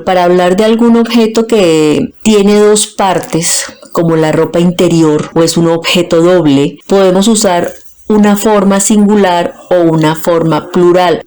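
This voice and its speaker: This is a woman giving a scripted grammar lesson. Her voice sits somewhat low and sounds mellow and warm. She talks very slowly and carefully, taking words apart piece by piece. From Colombia. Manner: slow, deliberate, splits words into their parts. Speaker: Spanish teacher.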